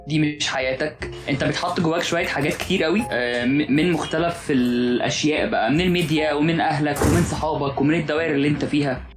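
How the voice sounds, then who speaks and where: A man's voice: a little high, rapid-fire. A man with an Egyptian accent in casual chat, musing philosophically and often restarting his sentences, with music playing underneath.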